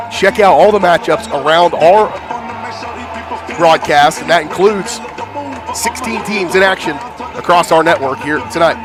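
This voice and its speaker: Husky man calling football, smoker's rasp. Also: high-pitched. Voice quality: thick, husky smoker's rasp from hay fever. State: congested from hay fever. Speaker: play-by-play announcer. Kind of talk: live high school football commentary with sponsor reads. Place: outdoor football stadium broadcast.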